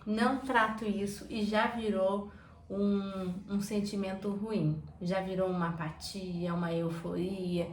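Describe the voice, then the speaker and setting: A woman with a Brazilian Portuguese accent coaching viewers on their emotions, lively and talking straight to them, acting out everyday examples. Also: medium pitch, unhurried. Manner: animated, acts out examples and talks straight to viewers. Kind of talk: informal teaching talk to camera. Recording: echoey room with faint background noise.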